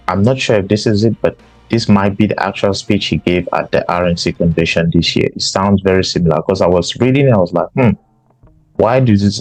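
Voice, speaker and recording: A man's voice: low-pitched, a little mellow, dry recording, low-quality recording. A man from Cameroon, hosting a podcast and giving an emphatic political commentary monologue. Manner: emphatic, repeats himself for stress. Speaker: podcast host.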